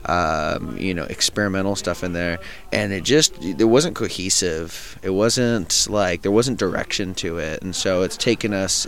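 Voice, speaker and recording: Speaking in a low, gravelly voice, a young punk frontman who sings and plays guitar rambles through an interview. He keeps restarting sentences and leans heavily on fillers.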